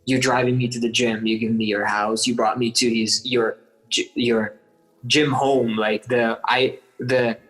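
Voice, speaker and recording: A man's voice: medium pitch, flat delivery, a little slow, fairly bright tone, poor audio. Eager young man telling stories. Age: 20s. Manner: eager storytelling, full of likes and restarts. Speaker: guest athlete. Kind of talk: casual interview chat.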